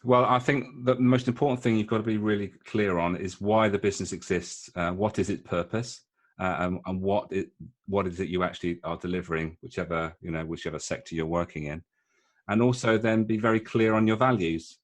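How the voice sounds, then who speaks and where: A middle-aged man from the UK, a guest talking through his work as a leadership coach, pausing often with fillers and restarts. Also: sits low, steady tone. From United Kingdom. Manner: hesitant, many fillers and restarts. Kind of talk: casual interview talk.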